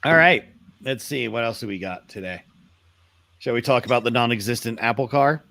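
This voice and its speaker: A man's voice: medium pitch, fairly quick, vocal fry, pushed and bright, no echo. A man co-hosting a casual car podcast, wry and opinionated, often trailing off. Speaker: podcast co-host.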